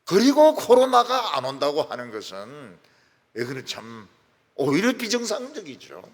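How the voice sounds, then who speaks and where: A male pastor preaching a sermon with emphatic swings between loud peaks and soft drops. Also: on the high side, wildly swooping pitch, moderate pace. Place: church sanctuary. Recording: long reverb of a large church hall.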